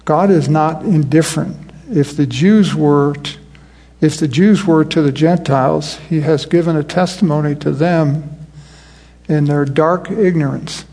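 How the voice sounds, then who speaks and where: A man's voice: fairly high pitch, a little slow, mellow, husky. A man preaching a sermon in a conversational style, often restarting his sentences.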